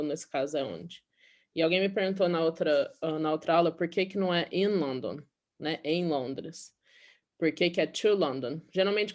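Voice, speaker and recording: A woman's voice: sits low, a little mellow. A woman from Brazil teaching an English class in Portuguese, explaining patiently and often checking in with "okay?".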